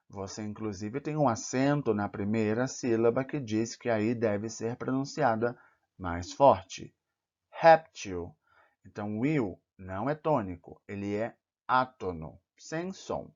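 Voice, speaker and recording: A man gives a grammar lesson at an unhurried, deliberate pace. He sounds out each example word with care. The recording is a little dull and lo-fi. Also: mid-range voice. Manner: careful, spells out each word pair. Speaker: Portuguese teacher.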